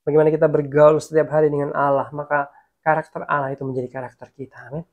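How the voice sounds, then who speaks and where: Gravelly guy preaching, fairly high voice, gets loud when he prays. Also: quick pace, narrow, tinny audio. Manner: lively preaching, swells loud in prayer. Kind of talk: online sermon and prayer.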